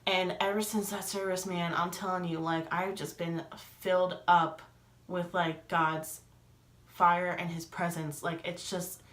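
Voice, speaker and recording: A woman's voice: on the low side, level tone, unhurried, a bit bright. Young woman vlogger, chatty storyteller full of fillers, recorded in a roomy, echoey space. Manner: chatty, many fillers, acts out quoted dialogue. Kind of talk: casual storytelling. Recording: echoey room.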